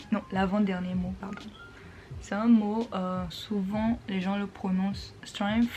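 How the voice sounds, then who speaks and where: A woman vlogger explaining English pronunciation in a casual talk, repeating words slowly and patiently. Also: mid-range voice, a little mellow.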